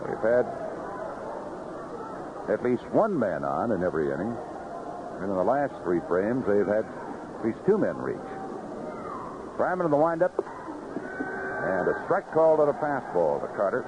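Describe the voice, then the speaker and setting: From a ballpark broadcast booth, a man calls 1970s radio baseball play-by-play in clipped phrases and vivid descriptive calls. His lowish voice is sing-song and measured, with long pauses, and the band-limited old broadcast sounds dull over a noisy background.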